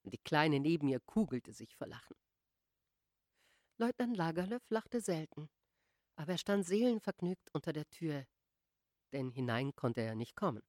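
A woman's voice: deep voice, no room sound. Woman reading a novel aloud, dry studio. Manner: measured, expressive storytelling. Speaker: audiobook reader. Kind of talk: scripted literary narration.

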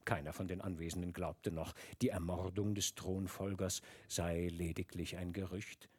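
A man reading a novel aloud in an expressive, dramatic narration. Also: low-pitched, moderate pace, breathy edge. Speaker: audiobook reader. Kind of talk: literary audiobook narration.

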